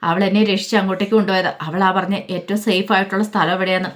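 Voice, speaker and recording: A woman's voice: mid-range voice, little pitch movement, fast, lightly acted. An earnest young man on the run pleads his case to his parents, voiced by a woman. The delivery is plain and close to the reader's own voice.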